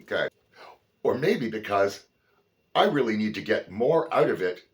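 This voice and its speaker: A man's voice: fairly low pitch, very animated, normal speed. A man doing casual outtake chatter while reading poetry aloud, exclaiming and breaking off to coo at his dog.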